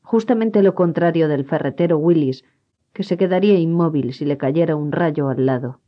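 A narrator reading a first-person story aloud in a measured, even storytelling manner. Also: mid-range voice. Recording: dull lo-fi recording.

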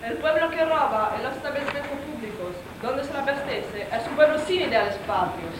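A stern townsperson from a stage drama, played by a woman, lectures in a high voice. The sound is distant and echoey, with clear noise. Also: lively intonation, fairly quick. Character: stern law-and-order townsperson scolding the poor. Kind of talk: theatrical stage drama acting. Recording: echoey, distant, noisy pickup.

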